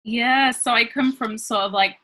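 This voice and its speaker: Woman guest, relationship coach, bright tone, chatty, heavy on "like". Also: fairly high pitch, moderate pace. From France and Switzerland, British parents. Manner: chatty, many fillers like "like". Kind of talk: casual interview chat.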